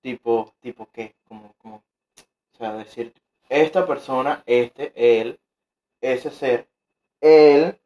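A man's voice: medium pitch, takes it slowly, long pauses, mellow. Young guy, podcast co-host, jokey and rambling, muffled lo-fi sound. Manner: joking, rambling with many fillers. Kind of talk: casual chat. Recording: dull lo-fi sound.

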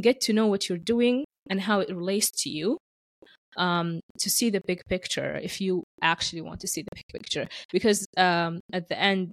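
A woman's voice: fairly low pitch, dry recording. A woman from Sudan chatting casually as the host of a podcast. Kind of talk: casual chat.

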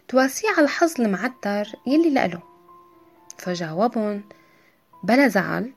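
A woman with a Syrian accent telling a folktale as a podcast storyteller, in a traditional once-upon-a-time manner. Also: on the high side. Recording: music behind the voice. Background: music.

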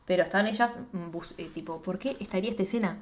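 A young woman with an Argentine accent, co-hosting a casual chat and acting out characters' lines in a slangy, animated way. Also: fairly low pitch, fast, crowd noise. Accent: Argentine Spanish. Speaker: podcast co-host. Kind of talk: casual chat recapping a TV series.

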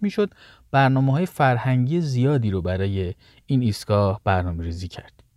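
A man's voice: medium pitch, a little mellow, no echo, studio quality. A man narrating a history story in a casual, conversational way, stepping aside now and then to explain things to his listeners.

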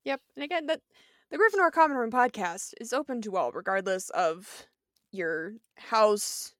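A woman's voice: fairly high pitch, expressive, normal speed, dry recording, studio quality. A woman co-hosting a podcast, chatting in an easygoing way with plenty of fillers. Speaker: podcast co-host. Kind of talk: casual chat.

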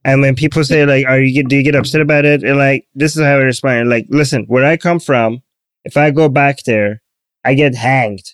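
A man's voice: mid-range voice, fairly even intonation, brisk, no echo, studio quality. A man co-hosting a podcast, inquisitive and wry in casual chat, thinking aloud as he talks. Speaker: podcast co-host. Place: Canada.

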